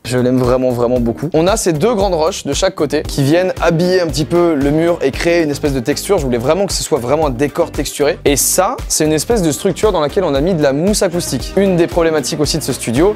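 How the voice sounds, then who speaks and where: A man giving an excited, joking casual tour of his new studio. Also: a little high. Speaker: YouTuber showing his studio.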